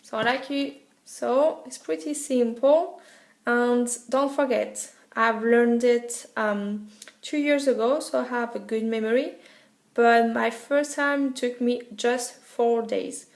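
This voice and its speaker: Slow, patient woman in an echoey room. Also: fairly high pitch, vocal fry. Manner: patient, repeats "okay?" often. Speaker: language teacher. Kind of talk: casual tutorial.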